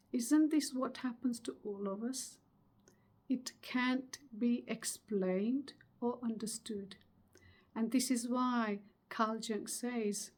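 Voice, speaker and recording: A middle-aged woman giving a motivational webinar talk, earnest and emphatic, with many pauses. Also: fairly high pitch, a little mellow. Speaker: speaker.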